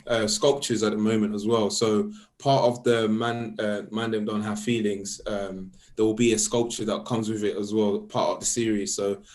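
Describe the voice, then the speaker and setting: A young man from Sweden, a guest artist talking about his work in a casual interview, halting and repeating words as he explains. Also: on the low side, darkish tone.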